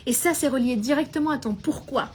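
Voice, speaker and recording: Lively high-voiced woman coaching on a live stream. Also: a little fast, slight background noise. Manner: animated, mixes English phrases into French, frequent laughs.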